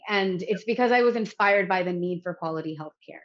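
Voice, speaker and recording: In this interview, the American founder of a health company talks in a lowish, brisk voice, and the recording has its highs cut off. She comes across as earnest and articulate, breaking into light laughs.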